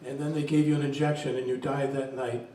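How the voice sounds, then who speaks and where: A man reading his poems aloud at a reading event, in a slow, measured voice. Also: mid-range voice, little pitch movement, dark tone, slight background noise. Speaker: poet reading his work. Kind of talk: poetry reading. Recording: very echoey room, distant mic.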